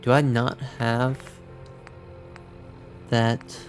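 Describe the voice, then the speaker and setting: A man's voice: medium pitch, level tone, drawn-out words, soft background music. A man streaming a game, muttering to himself and reading out dialogue choices as he plays. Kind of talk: gameplay commentary.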